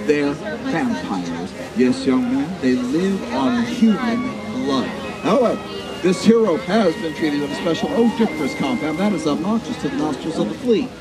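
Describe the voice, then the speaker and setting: A man working as a flea circus showman, delivering grandiose, mock-formal carnival patter to a live audience with dramatic, drawn-out emphasis. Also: high voice. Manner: mock-formal, addressing onlookers as ladies and gentlemen. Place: live public show at a community event. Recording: live event with crowd noise behind. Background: audience crowd.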